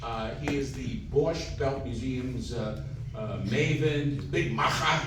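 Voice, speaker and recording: A man emceeing a comedy show with a casual, halting, joking stage introduction. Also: medium pitch. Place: echoey live venue with an audience. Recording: very echoey noisy room, distant mic.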